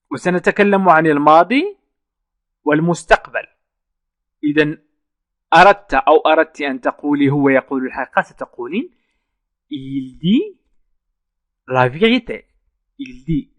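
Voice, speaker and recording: Man slowly teaching French verbs. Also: fairly high pitch, fairly bright tone, no echo. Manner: slow, repeats French phrases word by word. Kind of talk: online language lesson.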